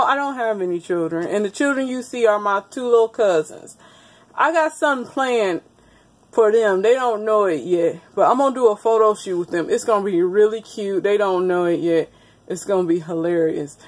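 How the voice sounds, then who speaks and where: A woman in her thirties talks to the camera like an old friend, chatty and quick to laugh. Her voice sits a little on the high side. She is recorded close on a phone in a small indoor room. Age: 30s. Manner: chatty, laughs often, talks straight to viewers. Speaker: vlogger. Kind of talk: casual chat to camera. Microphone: phone camera held close.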